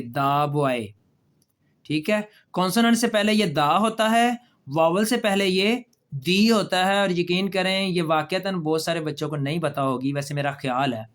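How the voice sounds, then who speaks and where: A man, his voice a touch higher than most. He teaches in a patient classroom manner, drawing example words out slowly and asking rhetorical questions. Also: fairly bright tone. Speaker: English teacher. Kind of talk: classroom lesson explaining pronunciation.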